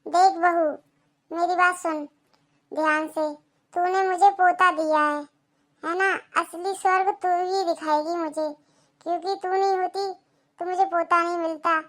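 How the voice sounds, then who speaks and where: A woman's voice: very high-pitched, steady tone, measured pace, a bit bright. Woman voicing a harsh scolding old mother-in-law. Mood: bossy. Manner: scolding, contemptuous, bossy. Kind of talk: Hindi cartoon voice acting.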